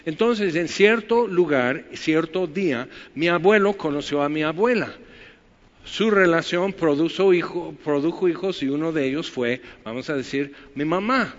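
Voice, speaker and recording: A man's voice: fairly high pitch, normal speed. A Mexican man with a Mexican Spanish accent, preaching a conversational sermon full of rhetorical questions and wry asides. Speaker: pastor. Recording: muffled with long hall reverb.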